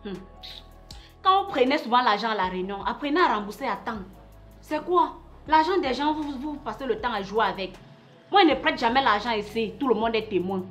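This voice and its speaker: A woman's voice: fairly high pitch, lively intonation, a little fast, soft background music, lightly acted. A woman in a comedy sketch, scolding and protesting the others.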